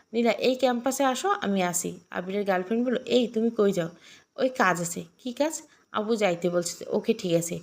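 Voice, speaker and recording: A woman reading a romantic audio story aloud, shifting her tone for each character. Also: medium pitch. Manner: reads every role herself, shifting tone for each character.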